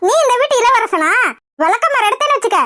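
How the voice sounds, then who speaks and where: A woman voicing a sharp-tongued old grandmother in a cartoon comedy, shrill and nagging. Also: expressive, fast, no room sound. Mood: scolding. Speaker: cartoon voice actor.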